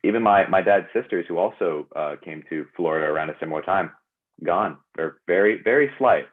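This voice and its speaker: Deep-voiced male actor over a tinny call. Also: a little fast. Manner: chatty, upbeat, fills speech with "like". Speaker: guest, actor. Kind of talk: casual interview chat. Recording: tinny phone-like call audio.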